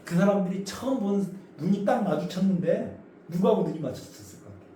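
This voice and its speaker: A man's voice: high voice, a little fast. A male pastor preaching a sermon, telling the story vividly, acting out voices and asking the congregation questions. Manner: animated storytelling, acts out voices. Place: church sanctuary. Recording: echoey church hall from far off, faint noise.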